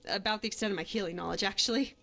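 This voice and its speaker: Very fast, creaky and a bit bright, this mid-range voice comes from an actress playing a bold young huntress and adventurer haunted by guilt in a fantasy game. She sounds conversational, casual and coaxing, with music running underneath.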